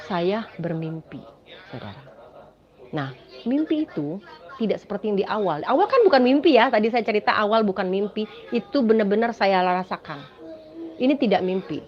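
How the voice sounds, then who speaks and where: A woman giving a spoken personal testimony, telling her story dramatically and often addressing listeners as "Saudara". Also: mid-range voice. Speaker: testimony speaker. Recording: dull lo-fi recording.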